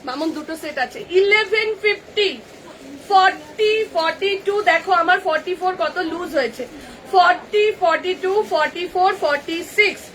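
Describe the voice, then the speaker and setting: Woman, Kolkata Bengali accent, very high voice, live-stream seller, brisk sizes and prices, noisy shop. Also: fairly bright tone. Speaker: online kurti seller. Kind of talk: live-stream sales pitch. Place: clothing shop.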